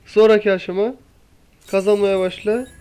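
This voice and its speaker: A man's voice: high voice, fairly even intonation, moderate pace, warm tone, clean tone, soft background music. A young man giving casual gameplay commentary, impatiently pleading and coaxing the game as he plays. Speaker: gaming YouTuber.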